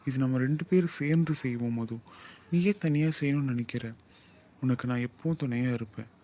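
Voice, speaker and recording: A man's voice: medium pitch, brisk, dark tone, lightly acted. A young man acting a lovesick, possessive suitor who pleads and then insists in an audio drama. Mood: tender. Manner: insistent, swings from pleading to commanding.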